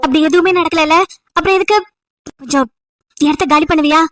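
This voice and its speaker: Playing a sharp-tongued, irritated young college student in an amateur audio drama, a woman scolds with sarcastic rhetorical questions. Her annoyed voice is high and a little fast, with no room sound.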